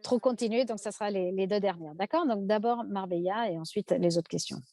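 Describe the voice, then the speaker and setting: A woman moderating a panel over a video call and interpreting a guest's answer, halting often with fillers and restarted phrases. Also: mid-range voice, mellow, no room sound.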